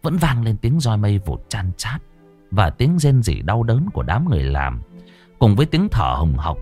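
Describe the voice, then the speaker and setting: A man narrating a ghost story in a dramatic, animated way. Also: on the low side, moderate pace, soft background music.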